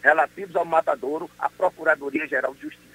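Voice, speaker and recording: Um homem, promotor de justiça, falando por telefone numa entrevista de rádio matinal, enfático e indignado. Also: male voice, a little high, steady tone, fast talker, fairly bright tone, breathy edge, dry recording, rough recording. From Brazil. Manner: emphatic, indignant, insistent. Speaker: public prosecutor. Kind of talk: phone interview on morning radio.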